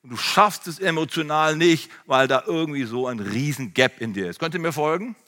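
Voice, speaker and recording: Animated male pastor, bright tone, sermon in a church with long reverb. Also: fairly high pitch, brisk. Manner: animated, addresses congregation directly.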